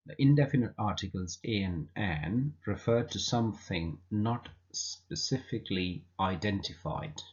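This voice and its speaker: Male grammar teacher, very low voice, patient and repetitive delivery, dull lo-fi sound. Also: vocal fry. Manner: patient, repeats himself with fillers. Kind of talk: explanatory lesson. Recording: dull lo-fi recording.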